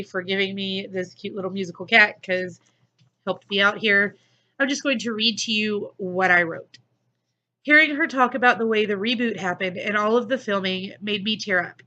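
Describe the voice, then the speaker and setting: A woman's voice: medium pitch, pushed and bright, highs cut off. A woman giving a casual, gushing book review in an effusive, enthusiastic manner.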